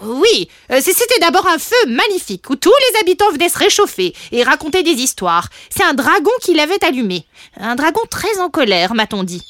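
A woman putting on a gossipy little sprite, high and lively, bouncing all over the scale in a storybook reading. The sound is close and dry. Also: brisk, dry recording. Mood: chatty. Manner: chatty, hesitant and bouncy. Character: chatty little male sprite, gossipy and eager.

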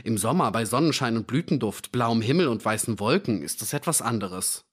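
A man voicing a proud young gentleman who talks in a flustered, indignant way. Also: mid-range voice, lively intonation, brisk, husky.

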